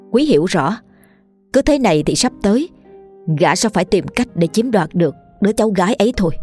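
A woman narrating a horror story in a steady, measured reading. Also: fairly low pitch.

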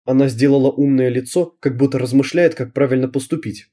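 A man reading a first-person novel aloud in a steady, measured storytelling voice. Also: mid-range voice. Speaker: audiobook reader.

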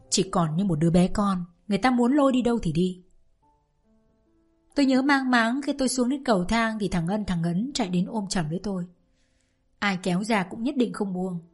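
A woman narrating a novel aloud in the first person, with an emotional, expressive delivery. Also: mid-range voice, husky. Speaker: audiobook narrator. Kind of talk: dramatic reading of a novel.

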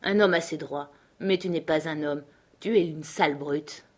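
A woman reading aloud, voicing a stern, commanding man who is quick to anger and speaks in a firm, threatening way. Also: sits low, darkish tone.

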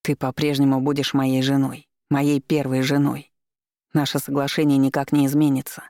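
A woman reading as a quiet, remorseful husband. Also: extremely low pitch, completely flat delivery, no room sound, studio quality. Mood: apologetic. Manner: quiet, slow and apologetic. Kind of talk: audiobook reading.

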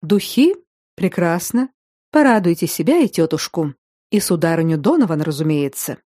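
A reserved noble husband, voiced by a woman narrator speaks politely and in a measured way. The tone is low and mellow. It is recorded close and dry in a storybook reading. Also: expressive, no room sound.

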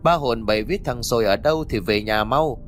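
A man voicing a gruff, bossy old male village exorcist who barks orders and scolds. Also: mid-range voice, brisk, soft background music, close to an everyday voice. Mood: chanting calling.

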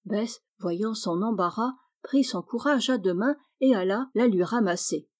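Woman, audiobook reader, mellow tone, expressive storybook narration. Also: medium pitch, a little slow. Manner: expressive, lifts her voice for characters.

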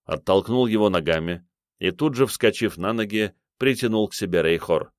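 Man reading an audiobook, low steady voice, dry close sound. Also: normal speed, no room sound. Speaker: audiobook narrator. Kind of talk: scripted first-person fantasy narration.

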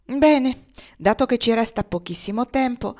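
A woman reading the lines of a composed, pompous older male lawyer in a measured, formal way. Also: fairly high pitch, lively intonation, darkish tone, voice pushed up. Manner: measured, formal storytelling delivery.

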